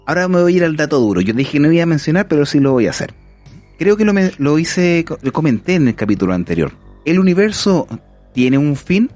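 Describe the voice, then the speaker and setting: A man's voice: a little high, big pitch swings, quick pace, a little mellow, soft background music. A man with a Chilean accent hosting a casual podcast, an enthusiastic, rambling storyteller. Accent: Chilean Spanish. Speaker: podcast host.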